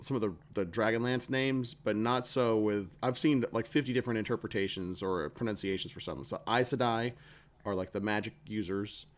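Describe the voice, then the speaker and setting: A man's voice: on the low side, steady tone, fairly quick. A man co-hosting a gaming podcast, rambling through long tangents and peppering his speech with "like". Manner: rambling, heavy use of "like". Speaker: podcast co-host, game master. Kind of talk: casual podcast chat.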